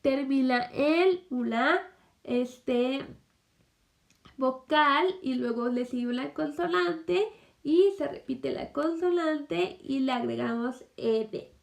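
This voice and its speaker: A woman's voice: high voice, slow, creaky. A woman teaching a recorded English lesson to children, explaining patiently and checking in with "ok?" again and again. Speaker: primary school English teacher.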